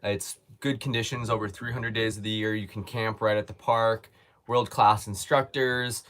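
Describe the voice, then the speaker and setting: Easygoing low-voiced man hosting a live Q&A. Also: fairly even intonation, normal speed, fairly bright tone. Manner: easygoing, reflective, restarts phrases. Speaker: host. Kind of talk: casual live Q&A chat.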